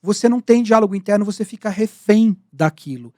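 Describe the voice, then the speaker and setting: A man's voice: high-pitched, expressive, brisk, a little mellow, no echo, studio quality. A man co-hosting a podcast, teaching sales communication in an explanatory, lecturing manner that defines terms step by step. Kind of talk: casual podcast discussion.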